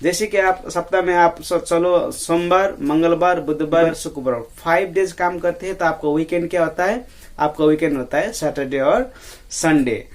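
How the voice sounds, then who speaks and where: A man teaching an English lesson in Hindi, drilling words by repeating them and quizzing his listeners. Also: on the high side. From India. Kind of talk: classroom-style language lesson.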